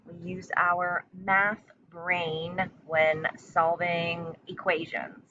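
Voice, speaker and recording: A woman teacher speaks extremely slowly in a slightly low voice, as in a spelling dictation. She enunciates with care and repeats herself in an instructional, encouraging manner. The recording is somewhat muffled and lo-fi. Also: little pitch movement, bright, forceful tone. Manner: deliberate, carefully enunciated, repeating words. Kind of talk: spelling test dictation lesson. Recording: muffled lo-fi sound with faint noise.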